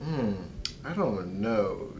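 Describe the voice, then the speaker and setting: A man's voice: lowish voice, expressive, very slow, vocal fry, a little mellow, slight background noise. A young man in a band introducing himself in a casual, laid-back, joking way. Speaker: band member. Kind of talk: casual interview.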